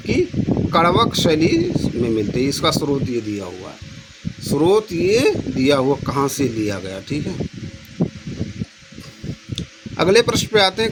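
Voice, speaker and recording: Guy going thru exam questions, higher voice, keeps repeating stuff, traffic noise behind. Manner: repeats phrases, drawn-out recitation of options. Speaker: Hindi exam tutor. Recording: noisy background with passing traffic.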